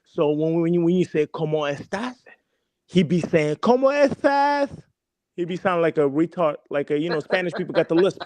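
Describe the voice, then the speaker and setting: A man's voice: on the high side, fairly even intonation, brisk, darkish tone, dry recording. Rambling New man, dry close sound. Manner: rambling, repeats himself, swears freely. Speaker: podcast co-host. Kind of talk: casual chat.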